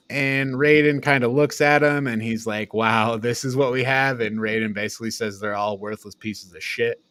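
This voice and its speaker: Recorded dry, a mid-range-voiced man co-hosting a podcast walks through a movie's plot. He rambles casually, swears freely, and chuckles a lot.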